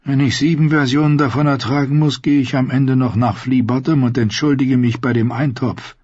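A man's voice: medium pitch, steady tone, normal speed, a little mellow, husky, no echo, muffled recording, lightly acted. A man voicing a sardonic dwarf lord with dry wit. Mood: wry. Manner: dry, sarcastic quips. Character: sardonic, witty dwarf nobleman.

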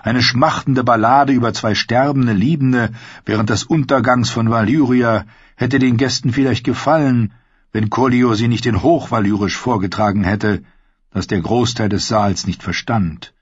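A man reading an audiobook in a measured, unhurried way, with a husky voice. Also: medium pitch, steady tone, no echo. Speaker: audiobook narrator. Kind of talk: scripted narration. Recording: dull, dry lo-fi audio.

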